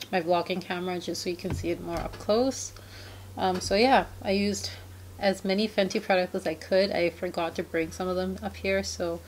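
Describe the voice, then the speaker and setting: A woman's voice: on the low side, slight background noise. A young adult woman talking casually to camera in a makeup review vlog, chatty and full of "um" fillers. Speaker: beauty vlogger. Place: home room indoors.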